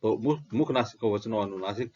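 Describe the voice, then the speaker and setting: A man's voice: lowish voice, moderate pace, a little mellow. A man teaching Sanskrit grammar in a lecture style, reciting lists of letters and answering his own questions. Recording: dull lo-fi recording.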